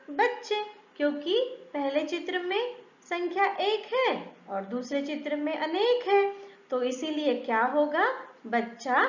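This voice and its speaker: A woman teaching a children's grammar lesson, asking questions and answering them in a slow, sing-song teacherly way. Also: high-pitched. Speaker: primary school Hindi teacher. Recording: echoey, slightly dull room sound.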